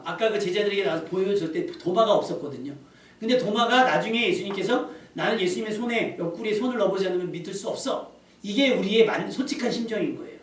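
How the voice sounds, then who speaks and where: A man preaching a sermon as pastor in a church, conversational, asking the congregation rhetorical questions. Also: high-pitched. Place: church sanctuary. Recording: echoey church hall from a distance, faint room noise.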